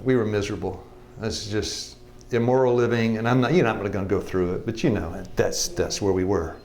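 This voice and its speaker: A man in his sixties, fairly low-pitched and a little mellow, talks fairly quickly as he shares his life story with a live class, joking folksily and laughing a lot. He teaches health evangelism, and the room is reverberant.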